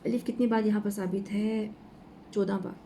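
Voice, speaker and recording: Woman teaching Quran letters, dark flat voice. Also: medium pitch, slight background noise. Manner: slow, explaining letter by letter. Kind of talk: informal religious lesson.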